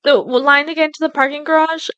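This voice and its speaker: A young woman co-hosting a podcast, chatting excitedly and telling stories with lots of "like". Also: high voice, fast talker, no echo, low-quality recording. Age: young adult. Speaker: podcast co-host. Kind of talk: casual chat.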